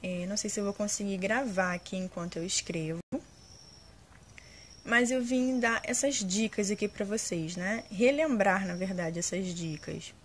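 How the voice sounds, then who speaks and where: A Brazilian woman teaches young students in a patient, explanatory way, often checking in with short tag questions. Her voice sits at an ordinary middle pitch. Faint crickets chirp in the background of the home recording. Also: moderate pace, a little hiss or hum. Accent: Brazilian Portuguese. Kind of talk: casual classroom instruction.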